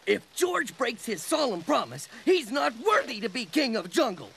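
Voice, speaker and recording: A man's voice: very high voice, sing-song, normal speed, creaky, a little hiss or hum, exaggerated voice. A man voicing a dim-witted, eager and friendly jungle king in a cartoon, goofy and earnest. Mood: earnest, insistent. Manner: goofy, earnest, speaks in third person. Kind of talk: animated cartoon acting. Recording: very loud cartoon music behind.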